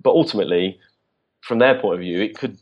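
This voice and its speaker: Male podcast guest, very low voice, halting chatty delivery, muffled lo-fi sound. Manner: halting, many restarts and fillers. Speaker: guest, business co-founder. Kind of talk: casual podcast interview.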